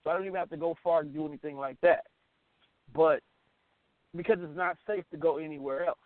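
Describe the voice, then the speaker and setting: The tinny, phone-like band-limited audio, free of room sound, carries a fairly high, steady voice moving a little fast. He's a middle-aged American radio show host, casual and candid, blunt and emphatic, who frequently repeats his phrases.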